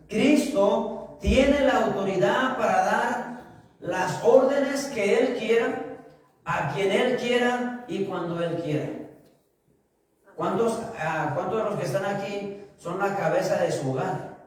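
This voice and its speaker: A man with a high voice preaches to his congregation, weaving humorous stories into the sermon. He often asks the room a question and answers it himself, and he slows right down on the words he wants to land. He is heard from a distant mic in a church hall that rings with strong echo. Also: a little mellow. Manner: slows down for emphasis on key phrases. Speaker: pastor. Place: church sanctuary.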